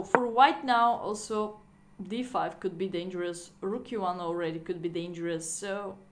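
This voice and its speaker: Speaking from an indoor room at home, this Bulgarian-native chess streamer chats away in casual live-stream commentary. Her pitch sits in the middle, and her talk is full of laughter and non-native turns of phrase.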